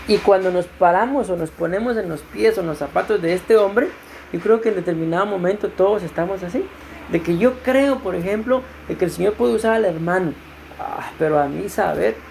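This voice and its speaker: A woman's voice: mid-range voice, gravelly, mellow, a little hiss or hum. A woman pastor with a Costa Rican accent preaching to a women's group, explaining scripture and asking rhetorical questions. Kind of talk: sermon.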